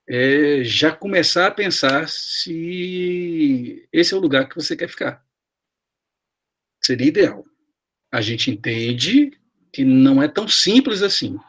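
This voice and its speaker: Middle-aged man, Brazilian accent, husky voice, lively pitch, anecdotal, video call. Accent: Brazilian Portuguese. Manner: chatty, anecdotal, asks many tag questions. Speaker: guest HR professor. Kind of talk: live class conversation, storytelling.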